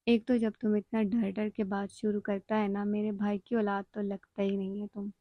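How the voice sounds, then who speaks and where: A woman's voice: mid-range voice, flat delivery, no room sound, muffled recording, natural voice. Woman reading a blunt, scolding old grandmother. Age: older. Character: older grandmother, blunt, quick-tempered, loving.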